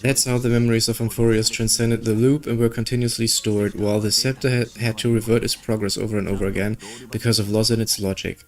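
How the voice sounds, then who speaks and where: Talking fast with hardly any pauses, this streamer has a lowish voice and a level tone. He reads the game's story dialogue aloud and throws in offhand, skeptical asides while game music plays.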